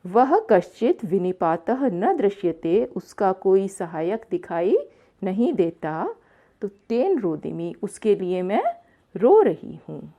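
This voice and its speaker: A woman's voice: medium pitch, very animated, takes it slowly, muffled recording. A woman teaching a textbook lesson, reading each line aloud and explaining it phrase by phrase, repeating words as she goes. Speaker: Sanskrit teacher.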